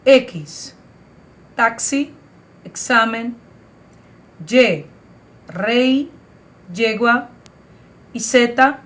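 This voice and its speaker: A woman from Brazil teaching a video lesson, spelling out letters and example words one at a time. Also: fairly high pitch. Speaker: language teacher. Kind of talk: slow, careful video lesson.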